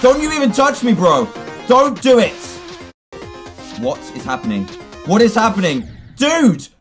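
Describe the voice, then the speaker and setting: A young man commentating his own gameplay with huge swings in pitch, one moment muttering and the next yelping. He shouts at his fails and cheers his wins. Faint game music plays behind him. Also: big pitch swings, unhurried. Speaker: gaming YouTuber.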